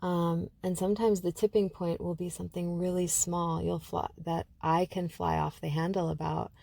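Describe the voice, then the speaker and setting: A woman from Algeria hosting her own podcast, speaking thoughtfully with many pauses and restarts as she reflects. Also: fairly low pitch, flat delivery, gravelly, warm tone, dry recording. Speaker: podcast host. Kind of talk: reflective solo podcast talk.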